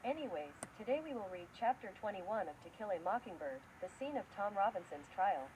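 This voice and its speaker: A woman's voice: mid-range voice, very animated, a little fast, background noise, lightly acted. A woman reading as a stern online teacher. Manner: scolding, stern. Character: strict adult female online teacher.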